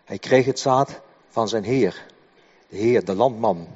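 An older man delivers a sermon in a church hall, his husky voice trailing into a long reverb. He speaks haltingly, repeating words as he works through his explanation. The recording is dull and muffled. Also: lowish voice, darkish tone. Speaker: preacher.

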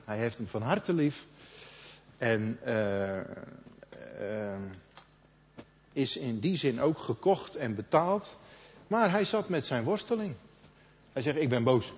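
A middle-aged man preaching a sermon in a conversational manner, quoting others in lively asides. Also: medium pitch, slow pace. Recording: dull sound with long hall reverb.

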